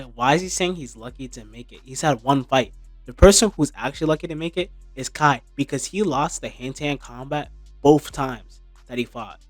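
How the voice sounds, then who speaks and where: A young man delivers an informal, sarcastic recap in a medium-pitched voice. The sound is dry, with faint music underneath his slangy commentary. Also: no room sound. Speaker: video commentator.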